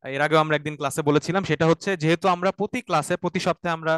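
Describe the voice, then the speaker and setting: A man's voice: a little high, fairly even intonation, very fast, a bit bright, smooth, no echo, clean studio sound. A man with a Bangladeshi accent teaching an online Quranic Arabic class. He explains step by step, keeps checking with "right?" and has his students repeat verses after him.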